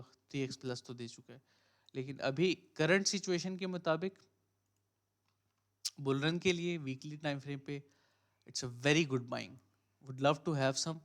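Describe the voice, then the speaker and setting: A man hosting a live stream, talking casually through trading charts and thinking aloud, often mixing in English phrases. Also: mid-range voice. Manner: casual, thinks aloud, many fillers and "ठीक है"; mixes Hindi-Urdu with English phrases. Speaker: crypto trading mentor.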